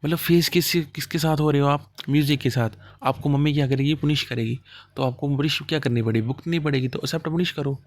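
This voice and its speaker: A man's voice: a little high, steady tone, fast, no room sound. Chatty man teaching idioms. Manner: explains step by step, asks and answers his own questions, acts out little dialogues. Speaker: exam coaching teacher. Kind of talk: casual classroom explanation of idioms.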